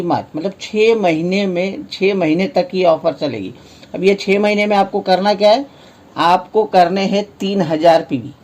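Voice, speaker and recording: A man with an Indian accent and a high-pitched, mellow voice presents a promotional offer in a casual explainer style. He explains things, repeats and rephrases his points, and poses questions that he then answers himself.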